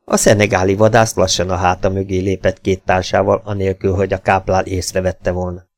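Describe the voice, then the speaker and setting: A man narrating an adventure novel as an audiobook in a steady, even reading voice. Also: low voice. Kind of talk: scripted narration.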